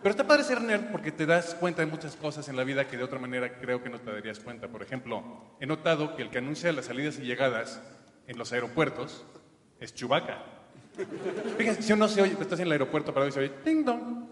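A stand-up comedian doing quick, nerdy observational jokes. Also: male voice, medium pitch, expressive. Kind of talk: stand-up set. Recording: echoey hall, loud noise.

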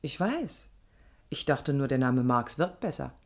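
Husky and low-key, the lead actress and first-person narrator of a 1980s East German radio play voices an idealistic young architect, reflective yet stubborn and defiant. In this introspective monologue she's unhurried, with big pitch swings and a full character voice, defiant in mood and intimate, thoughtful and earnest, sometimes near a whisper.

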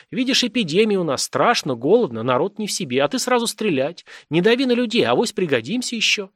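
A man's voice: sits high, a bit bright, no echo, studio quality, voice pushed up, exaggerated voice. A man doing fawning old Kharito n. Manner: fawning, wheedling, muttering. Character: fawning, pleading older male elder of the cave folk.

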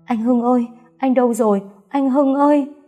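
A woman's voice: medium pitch, fairly quick, mellow, soft background music, lightly acted. A woman voicing a young woman in an audiobook who scolds sharply and then pleads in panic. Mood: panicked. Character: frightened, sulky young woman.

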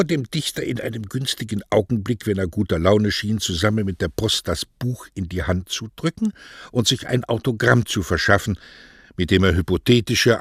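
A man reads a novel aloud in a measured storytelling manner. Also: low voice, husky, no echo, clean studio sound. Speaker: audiobook reader. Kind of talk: scripted narration.

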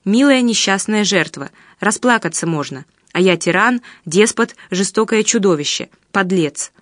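A woman's voice: mid-range voice, animated, moderate pace, dry recording, studio quality, natural voice. A woman reading the part of a bitter, resentful man who rants heatedly and accusingly in an audiobook. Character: bitter, resentful man ranting about his lover.

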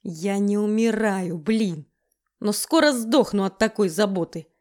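A woman with a mid-range, darkish, natural voice speaks unhurriedly as she plays a gruff, irritable middle-aged man, a future father-in-law. He barks out curt orders.

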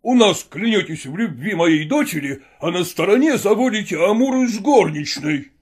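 A woman reading a storybook, voicing an enraged old male nobleman who blusters and shouts. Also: medium pitch, lively intonation, normal speed, husky, voice pushed down. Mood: furious.

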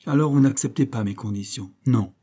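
A man reading the part of an earnest young nobleman who speaks gravely and insistently. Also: medium pitch, a little fast, warm tone, natural voice. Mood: stern.

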